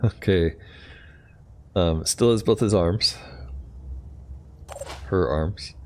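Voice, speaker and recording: A man's voice: low voice, drawn-out words, a little mellow, a little hiss or hum. A man giving casual gameplay commentary, thinking aloud tentatively as he plays. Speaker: gamer narrating own play.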